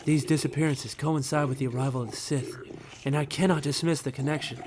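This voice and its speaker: A man's voice: a little high, steady tone, background noise, close to an everyday voice. Man reading as a formal, worried alien father. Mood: worried, pleading. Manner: formal, measured reading of game dialogue.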